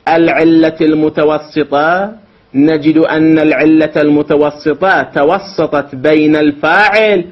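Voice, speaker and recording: A man teaching a formal lecture, explaining step by step, putting questions to his listeners and correcting himself as he goes. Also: on the high side. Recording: dull lo-fi recording.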